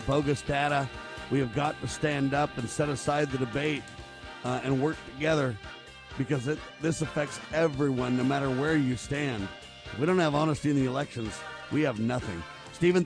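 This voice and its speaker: A man's voice: medium pitch, normal speed, over music. A man with an American accent hosting political talk radio, delivering emphatic, urgent and earnest commentary.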